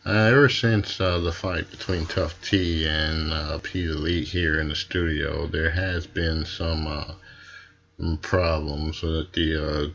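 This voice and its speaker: A man's voice: extremely low pitch, steady tone, slow, vocal fry, fairly bright tone, lo-fi sound, heavily acted. A man playing a polite, slightly hesitant wrestling show announcer hosting a wrestling promo. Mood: businesslike.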